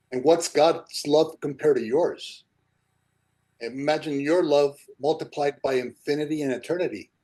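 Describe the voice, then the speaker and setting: A man leading an online spiritual class, speaking gently and encouragingly, repeating his points, over a video call. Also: medium pitch, rough recording. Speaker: spiritual teacher.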